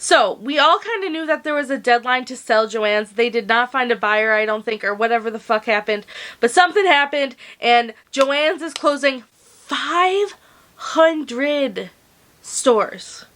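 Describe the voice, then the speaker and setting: A young woman with a high, bright-sounding voice chats to her camera from home. She is slangy and casual, swearing offhandedly as she talks. Her voice comes through a plug-in desk mic. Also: lively intonation, a little slow. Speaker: crochet vlogger.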